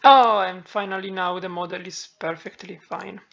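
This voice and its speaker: A woman with a heavy Italian accent walking through a software tutorial, thinking aloud and correcting herself as she goes. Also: medium pitch, steady tone, moderate pace, vocal fry. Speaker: tutorial maker. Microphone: phone. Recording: dull lo-fi phone-mic recording.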